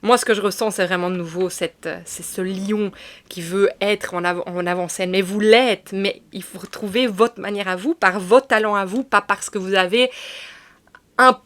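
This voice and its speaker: A woman giving a casual spiritual tarot reading, speaking softly and sometimes dropping to a whisper, then rising with bursts of excitement. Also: mid-range voice, moderate pace. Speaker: tarot card reader and medium.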